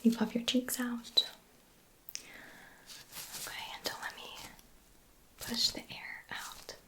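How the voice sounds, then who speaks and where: A woman doing a whispered role-play as a medical examiner, gently giving step-by-step instructions and reassurance in an ASMR style. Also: on the high side, monotone, slow, low-quality recording.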